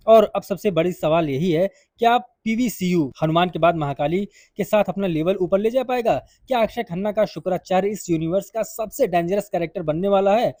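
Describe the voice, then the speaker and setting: A man's voice: sits high, warm tone, no echo, clean studio sound. A man giving a casual, chatty film review to his viewers, calling them brother and friend.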